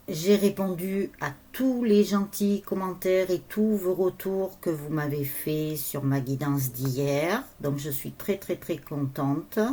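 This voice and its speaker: A woman's voice: lowish voice, warm tone. A woman medium giving casual spiritual guidance, chatty and rambling with many fillers. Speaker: medium and energy healer.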